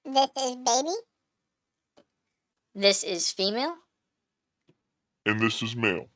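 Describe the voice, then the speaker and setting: A man testing a headset voice changer, his voice morphed through presets as he calmly names each one. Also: high-pitched, slow pace, no echo, pitched above the performer's own voice, full character voice. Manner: plainly naming each preset. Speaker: tech reviewer.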